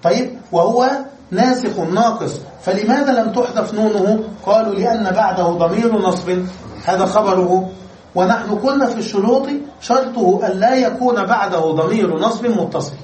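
A man's voice: sits high, normal speed, a little mellow. A male Arabic grammar lecturer giving a classroom lesson, explaining step by step and checking that students understand. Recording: roomy echo, distant mic, faint noise.

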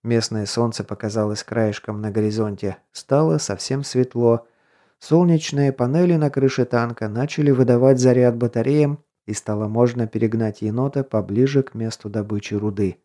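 A man's voice: mid-range voice, moderate pace, warm tone. A man narrating a science-fiction audiobook in the first person, in a wry, conversational way with casual slang.

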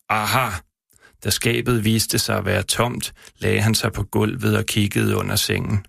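A man, an author, reading his own prose on the radio and then talking about it in a halting way, repeating words. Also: on the low side, creaky, fairly bright tone, no echo, studio quality. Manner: halting, repeats words when speaking freely. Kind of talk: reading aloud, then casual radio talk. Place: radio studio.

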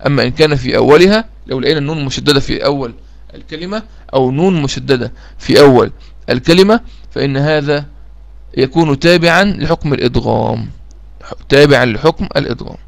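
A man's voice: medium pitch, quick pace, gravelly. A man with an Egyptian accent teaching a recitation lesson, repeating key phrases and checking that listeners follow. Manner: repetitive, drills key phrases, asks listeners if they follow. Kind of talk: explanatory lesson.

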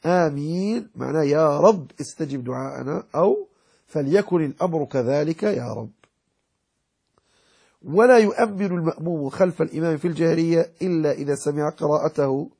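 A man's voice: fairly high pitch, gravelly, mellow, breathy edge. A man as a sheikh giving a religious jurisprudence lecture, explaining and repeating points and checking that his listeners understand. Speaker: sheikh teaching Islamic jurisprudence.

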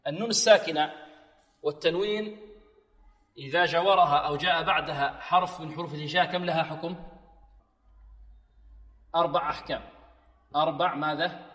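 A man teaching Quranic recitation, posing rhetorical questions and slowly chanting the verse he explains. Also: on the high side, a bit bright, in a large hall, far from the mic. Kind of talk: tajweed lesson with rhetorical questions.

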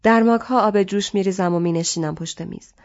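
Woman narrating an audiobook calmly. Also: mid-range voice, highs cut off. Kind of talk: scripted literary narration.

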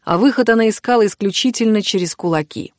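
A woman's voice: mid-range voice, no echo, clean studio sound. Woman narrating a fantasy audiobook. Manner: measured, expressive reading.

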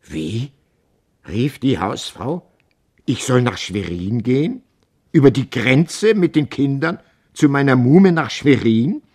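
A man's voice: mid-range voice, very animated, measured pace, a little mellow. Storybook wife, read by a man, distraught, urgent pleading, rising emotional lines. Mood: aghast.

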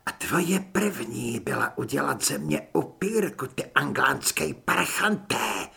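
A man's voice: mid-range voice, expressive, vocal fry, sharp tone, breathy edge, full character voice. A man voicing a vengeful female vampire who mocks her enemies in an audiobook. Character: vengeful female vampire woman, cold and mocking.

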